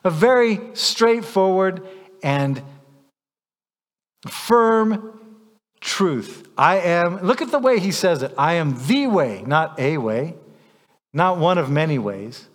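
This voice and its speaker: A man's voice: sits high, very animated, slow pace, long pauses, long reverb tail. A man preaching a sermon as a pastor, stressing points by repeating phrases.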